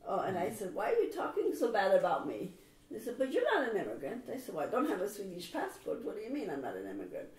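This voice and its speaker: An American woman, director of an institute, explaining calmly in an interview. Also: medium pitch, fast, reverberant, recorded from a distance. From United States.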